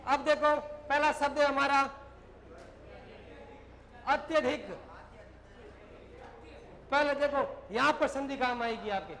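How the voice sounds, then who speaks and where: Man, very high voice, teacher, classroom grammar lesson, short repeated phrases. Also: steady tone, slow pace, creaky, long pauses, bright, forceful tone, rough recording. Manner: dictates words and explains in short repeated phrases.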